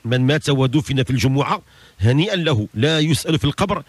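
A man's voice: medium pitch, expressive, fast, breathy edge, no room sound. A man with a Moroccan Arabic accent, a religious scholar giving an emphatic lesson full of rhetorical questions.

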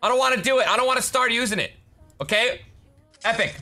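Bright-voiced insistent young male streamer. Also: extremely high pitch, fast talker, a little hiss or hum. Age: 20s. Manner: insistent, repetitive, sweary. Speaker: video game streamer. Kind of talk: casual live gaming commentary. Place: small indoor streaming room.

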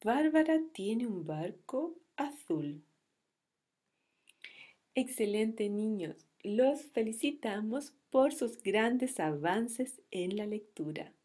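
A woman teaches young children to read, speaking very slowly and praising them as she goes. Her voice is soft-toned and a little husky. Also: fairly high pitch, very animated. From Chile. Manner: praising, encouraging pupils. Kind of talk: slow classroom reading drill.

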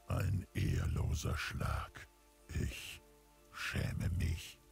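An actor playing a weary, honour-bound old orc warrior in a video game, with a deep gravelly voice and a grave, deliberate manner. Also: male voice, soft background music. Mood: ashamed. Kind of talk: video game cutscene acting.

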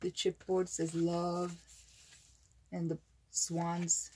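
A woman's voice: fairly low pitch, completely flat delivery, extremely slow, a little mellow, slight background noise. A woman hosting a craft unboxing vlog, gushing and exclaiming over each item she shows. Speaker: craft channel host.

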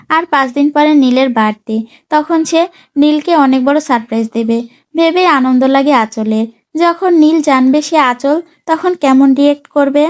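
A woman storyteller reading a comic story aloud, lively and playful. Her voice sits high throughout the narration.

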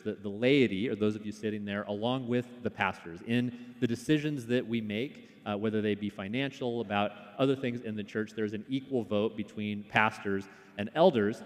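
A man preaching a sermon as pastor, telling stories in a relaxed way with frequent fillers and restarts. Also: medium pitch. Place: church sanctuary. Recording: long hall reverb in a church.

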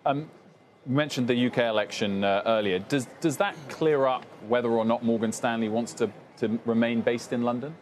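A man's voice: medium pitch, steady tone, moderate pace, a little hiss or hum. A man anchoring a business news interview, asking long, conversational questions on a lapel mic in a TV studio. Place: TV studio on a trading floor.

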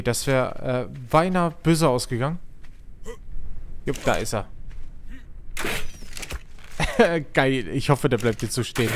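A man narrating his game run with an unhurried, drawn-out delivery, calling out to the animals on screen and reacting loudly when things go wrong. A faint hiss of noise sits under the voice. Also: mid-range voice. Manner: excitable, talks to the game creatures. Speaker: gaming streamer. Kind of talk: let's play commentary.

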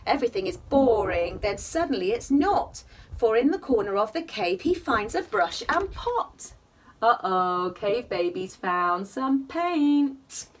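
A woman reads a bedtime picture-book story for small children in a high, animated, singsong voice, asking the listener questions. She speaks a little slowly, recorded from a short distance by a camera in a small attic room at home, with slight background noise.

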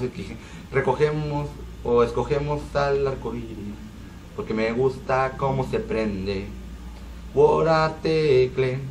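A man's voice: mid-range voice, distant mic, rough recording. Young man, Mexican accent, casual gameplay chatter, set back from the mic, faint background hiss. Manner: rambling, joking, exclaims at the game. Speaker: gaming video creator.

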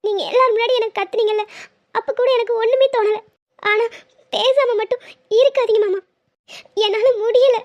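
A piping, very high young wife from a cartoon, sulky and clingy. She pleads and teases by turns. The recording is muffled and lo-fi. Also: lively intonation, fairly quick. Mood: tearful pleading. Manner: pleading, teasing banter. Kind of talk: cartoon dubbing. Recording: dull lo-fi sound.

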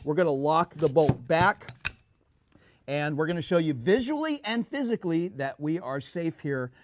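Higher-pitched middle-aged man, emphatic presenter. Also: expressive, moderate pace. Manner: emphatic, instructional, addresses viewers as guys. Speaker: gun show host. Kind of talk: presenting a product review to camera. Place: small studio set, indoors at a table.

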